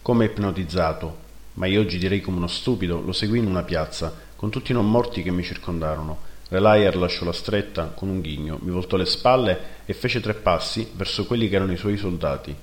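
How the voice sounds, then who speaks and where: A man narrating a first-person fantasy story in a steady, measured reading, in a roomy recording. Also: sits low. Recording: roomy echo.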